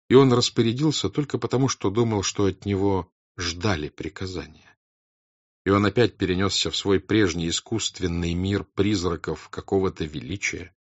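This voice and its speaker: A man narrating a classic novel as an audiobook in a measured, grave, deliberate reading style. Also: deep voice, slightly rough, no room sound. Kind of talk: scripted literary narration. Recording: dry, dull lo-fi recording.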